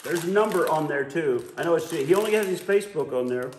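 A man's voice: on the high side, animated, brisk, darkish tone, slight background noise. A man co-hosting a casual taste-testing vlog, joking and rambling as he hunts for words. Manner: jokey, rambling, searches for words. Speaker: vlog co-host. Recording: echoey room.

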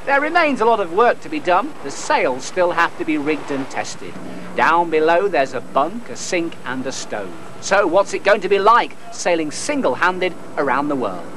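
A man reporting a news feature, narrating and interviewing with a lively, playful delivery. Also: on the high side, moderate pace, background noise.

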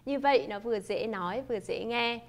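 A woman teaching a lesson, explaining in a clear, measured way and demonstrating example phrases. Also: on the high side. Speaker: English teacher. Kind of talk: scripted lesson narration.

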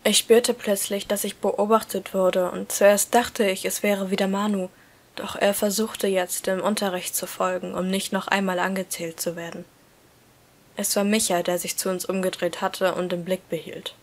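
A woman reads a novel aloud in first person. Her voice sits at a middle pitch, and she keeps a steady, even storytelling pace. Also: moderate pace. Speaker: story reader.

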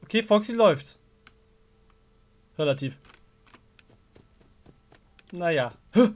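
A man's voice: high voice, lively intonation, slow, a little mellow. A young German man commenting on a horror game as he plays, muttering to himself and yelping at scares. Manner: jumpy, talks to the game characters, mutters under breath. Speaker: gaming video host.

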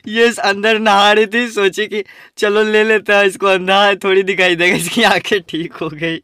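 A man's voice: sits high, flat delivery, moderate pace, sharp tone, clean tone, no room sound. A young man hosting a live reaction video, exclaiming often and laughing at what he watches. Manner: keeps exclaiming and laughing at clips.

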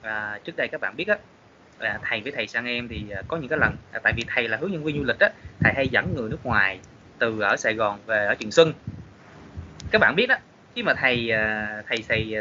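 A man's voice: medium pitch, pushed and bright, lo-fi sound, a little hiss or hum. A man, a tour guide telling an anecdote on stage in a polite, formal way with many fillers. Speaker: guest speaker, tour guide.

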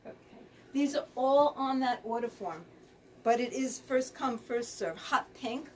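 A woman's voice: on the high side, unhurried, distant mic, a little hiss or hum. A woman hosting a live fabric sale, chatting casually as she reads out color names. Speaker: quilt shop host.

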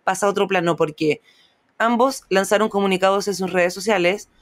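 A woman's voice: medium pitch, steady tone, fairly quick, no echo, clean studio sound. A Chilean woman co-hosting a podcast in casual chat, outspoken and swearing freely, acting out what others say. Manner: outspoken, swears freely, acts out quoted lines. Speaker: podcast co-host.

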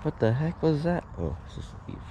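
A man filming himself bass fishing at a pond, talking casually to himself and his companion as he casts. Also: fairly quick. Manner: relaxed, mutters to himself while casting. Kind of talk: casual running commentary. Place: grassy pond bank outdoors. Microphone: body-worn action camera. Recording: outdoor action-cam audio with clear background noise.

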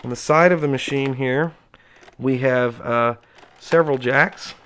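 A man's medium, slightly bright voice comes through clear and resonant as he speaks a little slowly. At home, he demonstrates equipment on a tabletop in close-up, chatting off the cuff and explaining with dry enthusiasm.

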